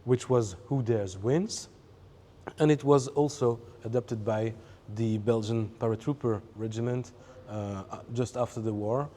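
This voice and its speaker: Man, english speaker, slow talk, darkish tone, lots of pauses. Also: medium pitch, dark tone, a little hiss or hum. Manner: halting, searching for words with many fillers. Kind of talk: explaining a vehicle exhibit.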